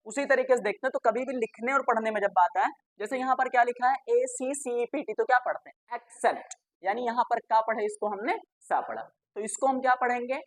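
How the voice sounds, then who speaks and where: A fairly high-voiced woman teacher runs a classroom grammar lesson. She spells each word out letter by letter, then fires a question at the class and answers it herself, with a joke for the pupils now and then. The sound is dry and close, with no room echo. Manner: spells words out letter by letter and repeats them.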